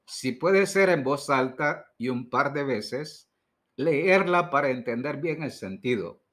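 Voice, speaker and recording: A man giving an instructional talk on reading aloud in church, deliberate and direct, slowing down to stress key words. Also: on the high side, fairly bright tone. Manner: direct, addresses listener with advice. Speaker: liturgy instructor.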